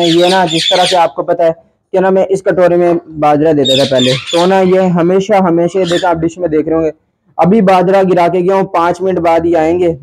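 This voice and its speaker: A man's voice: high voice, gravelly. A man from Pakistan, vlogging casually about his birds in an indoor aviary and complaining in frustration. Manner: exasperated, complaining chatter. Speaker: bird keeper vlogger. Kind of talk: casual vlog narration. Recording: noisy aviary with bird squawks. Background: birds chirping and squawking.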